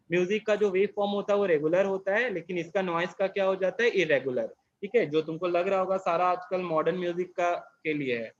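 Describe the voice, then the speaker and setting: A man's voice: sits high, highs cut off. A male physics teacher lecturing a class, explaining and then asking and answering his own questions. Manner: reads English definitions slowly, word by word.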